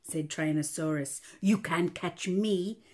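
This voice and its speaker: A woman's voice: lowish voice, a little slow. An older woman reading a picture book aloud to children, stopping to talk about the pictures. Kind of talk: storybook read-aloud to children.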